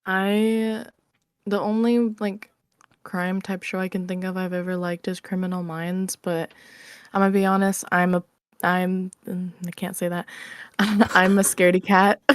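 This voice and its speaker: A woman who creates audio roleplay chats casually as a guest on an online-call interview, candid and self-deprecating. Her medium-pitched voice comes through dry and studio-quality.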